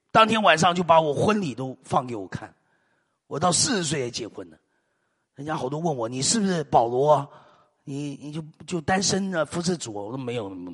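台湾口音的男牧师，讲道声调起伏大. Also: male voice, fairly high pitch, slightly rough, in a large hall. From Taiwan. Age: middle-aged. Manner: animated storytelling with frequent hallelujahs and amens. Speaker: preacher. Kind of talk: sermon.

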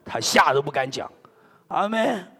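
A middle-aged man from China, a pastor preaching a sermon in an animated, joking way, dropping in amen and hallelujah often. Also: on the high side, a little slow, vocal fry, in a large hall.

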